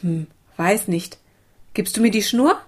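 A woman's voice: medium pitch, a little slow, darkish tone, natural voice. A woman voicing an eager, busy young boy in a storybook reading. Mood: matter-of-fact.

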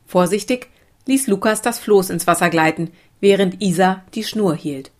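A woman reading a children's storybook aloud in a calm, even way. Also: mid-range voice, normal speed. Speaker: narrator.

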